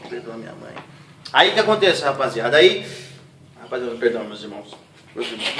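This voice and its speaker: A young man giving an animated, slangy spoken testimony in a church setting. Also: a little high. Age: young adult. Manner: slangy, animated storytelling with voiced impressions. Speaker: testimony giver. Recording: echoey room, distant mic, noisy.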